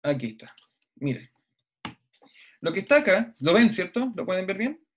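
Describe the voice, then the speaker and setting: A man gives an online lecture over a computer mic on a video call. His voice sits a little above the usual male range. He explains patiently, checks in with his class every few sentences and pauses on the odd hesitant filler. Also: sits high, very animated. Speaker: university lecturer.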